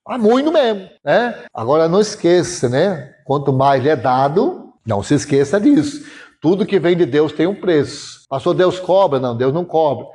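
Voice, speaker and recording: Pastor guy preaching, kinda high husky voice, tells stories and does the voices. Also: expressive, moderate pace, dark tone. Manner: storytelling preacher, voices God and himself in quotes. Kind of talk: sermon.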